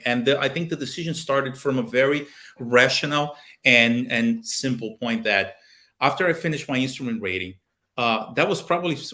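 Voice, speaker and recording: This man's voice is mid-range with a sharp tone, and he carries a Brazilian Portuguese accent. A Brazilian pilot and aviation video maker in his thirties, he's an earnest guest in a casual video-call interview, full of fillers and restarts. The webcam shows a small home office with a plane picture.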